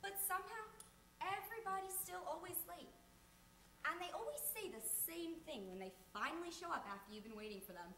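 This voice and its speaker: A young woman in her late teens performing a memorized comic recitation on stage, with an animated, incredulous delivery. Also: very high-pitched, a little fast. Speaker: student performer. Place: school auditorium. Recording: echoey hall with background noise. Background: audience laughter.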